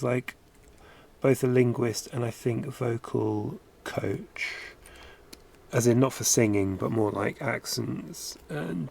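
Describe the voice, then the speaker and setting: A man's voice: medium pitch, vocal fry, a little mellow. A British man chatting casually while he draws on a live stream, musing aloud with lots of filler words. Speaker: animation streamer.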